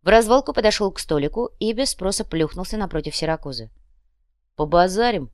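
A woman narrating an audiobook in an even, measured storytelling manner. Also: mid-range voice, no echo, studio quality. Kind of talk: scripted narration.

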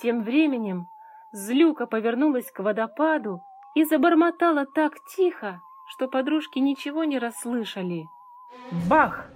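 A woman narrating a children's fairy tale in an expressive, measured storytelling manner. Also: high voice, over music. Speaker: audiobook reader.

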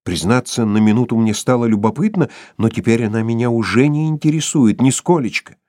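A man's voice: mid-range voice, brisk, mellow, no room sound, clean studio sound, natural voice. A man voicing a frightened young woman held captive, pleading in a trembling voice.

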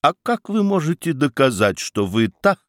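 A sly baron who argues with cheerful irony and cool logic, as a male narrator plays him. The voice stays close to the reader's own but moves with lively pitch. The recording is dry and close. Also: normal speed, no echo. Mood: ironic. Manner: cheerful and ironic, calmly logical. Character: Baron Munchausen, sly, witty defendant. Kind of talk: dramatic reading of a story.

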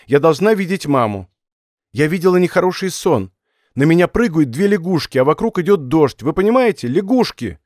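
A man's voice: a little high, big pitch swings, brisk, darkish tone, dry recording, studio quality, pitched above the performer's own voice. A man reading an audiobook voices a stubborn, superstitious young woman student, talking in a raised, pleading, headstrong way. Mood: insistent.

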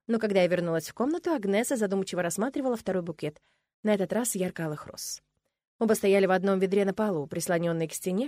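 A woman narrating a first-person novel in a lively, wry storytelling manner. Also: mid-range voice, no echo, studio quality. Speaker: audiobook narrator.

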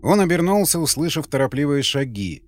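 A man narrating an audiobook in steady storytelling and acting out the characters. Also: a little high, a little fast, faint music behind. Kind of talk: scripted narration.

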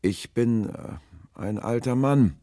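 A man doing a halting, sorrowful old castaway. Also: medium pitch, warm tone, no echo, studio quality, pitched above the performer's own voice, lightly acted. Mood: hesitant. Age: older. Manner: hesitant, halting, sorrowful and hopeless. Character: frightened, starving old man adrift at night. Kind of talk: audiobook character voice.

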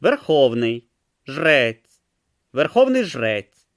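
A man's voice: mid-range voice, sing-song, moderate pace, close to an everyday voice. A man voicing an irritable, imperious ancient god trapped in the body of a small tortoise, barking orders and sneering. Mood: bossy. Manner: imperious, sarcastic, barks orders.

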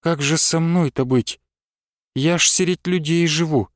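A man's voice: a little high, a little slow, dry recording, studio quality, close to an everyday voice. A man reading aloud and voicing a young village wife who pleads and cries out in anguish. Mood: anxious. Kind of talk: audiobook character reading.

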